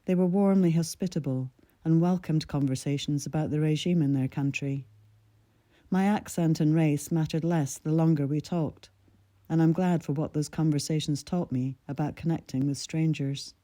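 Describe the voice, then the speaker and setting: Reading a scripted personal essay of her own, a Scottish woman in her sixties tells her story in a measured, reflective voice that is deeply mellow and dark. A light Scottish lilt colors her mid-Atlantic accent, and the audio is dry and close, with no room and no echo.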